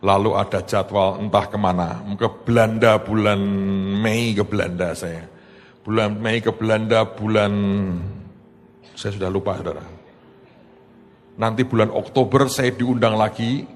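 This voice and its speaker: Pastor preaching in a reverberant hall. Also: male voice, measured pace. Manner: animated storytelling, rising to high exclamations. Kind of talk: sermon.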